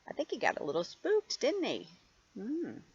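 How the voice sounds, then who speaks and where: An older woman reads a storybook aloud to children in a grandmotherly way, expressive and playful, drawing out key words and adding chatty asides. Her voice is a little high and a little mellow with a breathy edge, its pitch swooping wildly at a normal speed. The sound is lo-fi with no echo.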